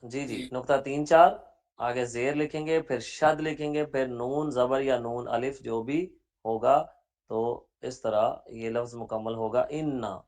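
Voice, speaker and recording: A male Braille teacher gives an online class. He spells every word out letter by letter in a slow, deliberate way, pausing on each sound, and patiently repeats his examples for the students. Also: medium pitch, steady tone, a little mellow.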